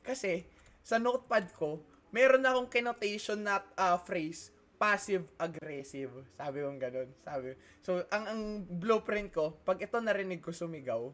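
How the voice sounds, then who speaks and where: High-voiced young man telling a story. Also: moderate pace. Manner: animated, swearing, loud when excited. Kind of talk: casual chat, storytelling.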